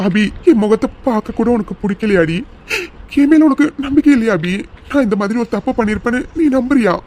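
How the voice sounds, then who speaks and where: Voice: mid-range voice, lively intonation, fairly quick, background noise, natural voice. A voice actor playing a young husband in a cartoon serial, pleading and tearful, repeating himself.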